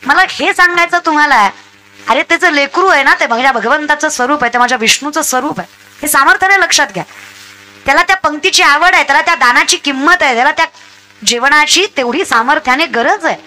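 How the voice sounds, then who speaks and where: A woman delivers a comic devotional sermon in a very high, sharp, bright voice. She scolds the listeners and slips into mocking impressions of villagers. A faint hum sits behind her. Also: fast. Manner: preachy, scolding, mimics villagers. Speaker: kirtan preacher.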